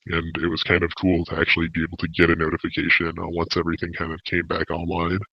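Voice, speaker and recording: Man through a deep voice changer. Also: quick pace, slightly rough, dry recording, lo-fi sound. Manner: even, steady explaining with many filler uhs. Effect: deep pitch-shifting voice changer. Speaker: lead developer guest on a podcast. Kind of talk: casual podcast update.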